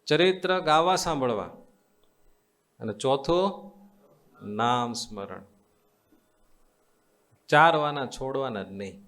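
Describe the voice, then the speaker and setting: A man's voice: medium pitch, expressive, slow, pauses often, fairly bright tone. Man, Gujarati accent, swami, devotional sermon, call-and-response with audience, repetitive coaxing delivery. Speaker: swami giving a religious discourse. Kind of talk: devotional sermon to a live assembly.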